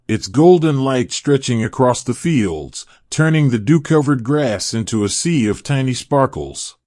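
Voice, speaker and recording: A man reads a bedtime story at an unhurried pace, with a medium-pitched voice. The delivery is soothing and meditative, made to lull a listener toward sleep. The recording is close and dry, with no room sound. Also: darkish tone, dry recording. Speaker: narrator of a bedtime history story. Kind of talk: slow, scripted sleep-story narration.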